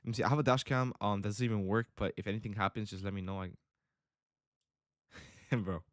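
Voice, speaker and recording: A young man born in Italy, with Italian as his first language and a Miami accent, hosts a day trading livestream from his home trading setup in Miami. He rambles casually to his chat, heavy on fillers and saying "bro" a lot, in a fairly low voice that runs a little fast. The recording is dry, with clean studio sound.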